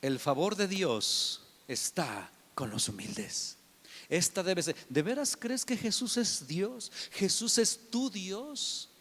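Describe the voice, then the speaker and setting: A man preaching a sermon emphatically, swinging from shouts to hushed whispers. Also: sits high, animated, slow pace, long reverb tail.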